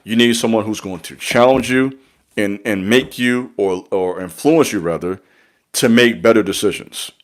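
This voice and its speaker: A man's voice: fairly low pitch, moderate pace. A young man giving an earnest, repetitive motivational talk on spiritual growth, speaking like a preacher to his followers. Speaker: online spiritual mentor.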